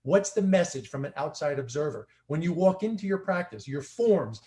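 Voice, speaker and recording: A man's voice: a little high, lively intonation, normal speed, mellow. A man coaching fellow practitioners in a casual livestream discussion, talking emphatically and repeating his key points.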